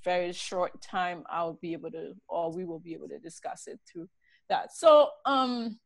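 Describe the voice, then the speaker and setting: A tired middle-aged woman from Liberia, giving a relaxed, chatty talk over a laptop video call from a home study. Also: on the low side, moderate pace, vocal fry, no echo. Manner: relaxed, chatty, laughs often. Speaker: guest speaker.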